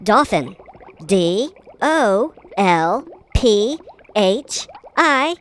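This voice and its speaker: A woman hosting a children's spelling video, giggling often and talking in an excitable, sing-song way. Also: medium pitch, drawn-out words, a little hiss or hum. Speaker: host of a kids' spelling video. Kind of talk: playful children's spelling narration.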